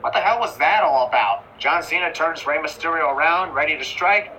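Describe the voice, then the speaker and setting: Man, sarcastic commentary narrator, slightly high voice, clear background noise. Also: fairly quick. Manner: sarcastic, critical. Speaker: video narrator. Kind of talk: scripted commentary voice-over. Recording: voice-over with steady background noise.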